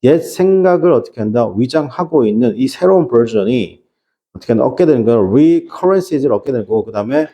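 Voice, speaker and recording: Man teaching English in a mellow voice. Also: medium pitch, lively intonation, normal speed. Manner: repeats rhetorical questions to students. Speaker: high school English teacher. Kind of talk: classroom lecture.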